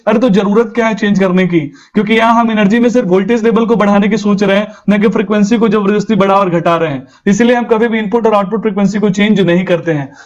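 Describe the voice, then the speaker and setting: A man teaching an engineering lesson, energetic and coaxing, slowing down for key English lines. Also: sits high. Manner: energetic, coaxing, mixes in English phrases slowly spelled out. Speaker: engineering tutor. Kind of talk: explanatory lesson for interview prep. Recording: slightly dull lo-fi sound.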